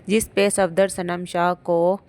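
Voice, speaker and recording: A woman's voice: on the low side, little pitch movement, darkish tone, smooth. A woman hosting a drama review channel, steadily retelling an episode's plot. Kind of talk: plot recap narration.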